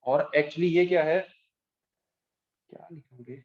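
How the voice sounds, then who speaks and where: A man's voice: on the high side, takes it slowly. A man teaching calculus to a class, explaining step by step and often asking if students follow. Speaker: math teacher. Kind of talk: classroom lecture. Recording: echoey room, dull lo-fi sound.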